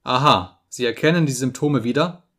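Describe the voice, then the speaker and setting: A man reading an audiobook, voicing a cruel, mocking visitor who taunts a sick man in a sharp tone. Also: mid-range voice, moderate pace. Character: sneering sinister male visitor, mocking and cruel.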